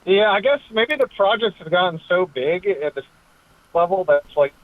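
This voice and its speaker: A man's voice: high-pitched, lively intonation, normal speed. Man on a clipped phone line. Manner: opinionated, full of "like" and "you know". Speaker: caller. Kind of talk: casual call-in chat. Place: car.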